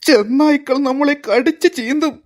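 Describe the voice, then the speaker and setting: A woman's voice: high voice, normal speed, background noise, lightly acted. A woman voicing a worried, motherly woman looking after children in a cartoon, speaking in a pleading, fretful way. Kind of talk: cartoon voice acting.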